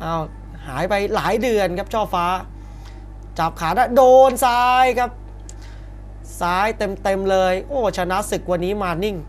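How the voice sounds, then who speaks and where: This man's high-pitched voice runs a little slow as he calls a Muay Thai fight live with punchy short lines and exclamations. The broadcast picks up arena crowd noise and faint fight-arena ambience.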